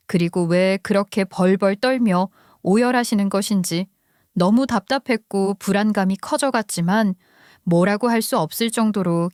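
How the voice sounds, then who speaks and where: A woman narrating a listener's story in the first person, in a steady, confiding way. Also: mid-range voice, no room sound, clean studio sound.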